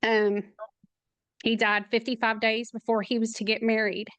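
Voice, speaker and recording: A middle-aged woman, a podcast guest, speaking in a slow, halting, emotional way, near tears at times. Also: on the high side, little pitch movement, fairly bright tone, no echo. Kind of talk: podcast interview.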